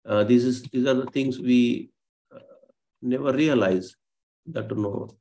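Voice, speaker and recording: A male lecturer teaches a live online class over a video call, explaining patiently with plenty of fillers and self-corrections. His mid-range voice is warm and a little slow.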